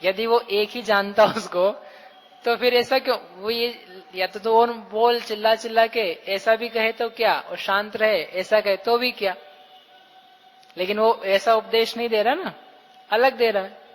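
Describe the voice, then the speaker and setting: A man with a high, steady voice speaks at a measured pace, giving a discourse on Jain scripture to a live audience. He asks questions, addresses his listeners directly and acts out quoted everyday speech. The audio is poor, with a big-room sound.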